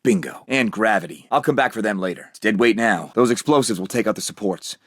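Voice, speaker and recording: A man's voice: fairly low pitch, fairly quick, fairly bright tone, no room sound. A man playing a brave, determined young American super-soldier captain in a video game, resolute with a dry, wisecracking streak. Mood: focused, determined. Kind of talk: scripted video game voice lines.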